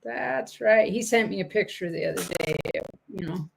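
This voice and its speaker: A woman's voice: medium pitch, moderate pace, gravelly, background noise. A woman casually chatting and selling coins on a livestream, rambling through stories and laughing easily. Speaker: livestream coin seller.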